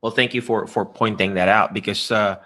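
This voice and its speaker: A Filipino man with a fairly low, steady voice hosts a live-stream interview, speaking quickly with a pushed, bright delivery. He repeats words and fires off emphatic rhetorical questions.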